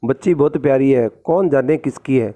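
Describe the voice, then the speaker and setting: A man voicing a kindly, protective talking tree in a storybook play, read aloud a little higher than his own voice. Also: normal speed, dark tone, natural voice. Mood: concerned.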